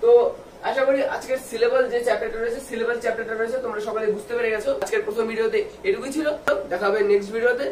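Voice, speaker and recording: A man with a high voice gives a video lesson for students. He spells words out slowly, letter by letter, and answers the questions he asks. He sounds distant from the mic in a roomy space with faint noise behind him. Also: fairly even intonation. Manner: asks the viewers questions and answers them himself. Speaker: English tutor.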